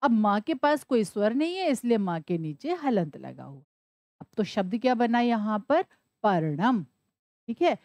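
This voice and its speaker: A woman's voice: a little high, a little mellow, no room sound. A woman teaching Sanskrit, spelling words out letter by letter and asking and answering her own questions. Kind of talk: classroom explanation.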